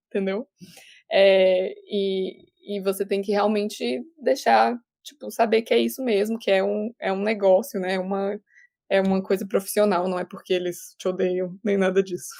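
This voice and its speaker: A young woman from Brazil chats casually as a guest on a remote call. She keeps restarting her sentences and laughs easily as she explains things. Her voice sits at an ordinary middle pitch. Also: darkish tone. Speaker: actor guest. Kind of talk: casual interview chat.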